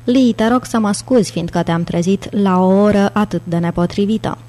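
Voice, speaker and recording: A woman's voice: medium pitch, dark tone, natural voice. A woman reading an audiobook, voicing a patient male professor with a restrained, dry manner. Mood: wry.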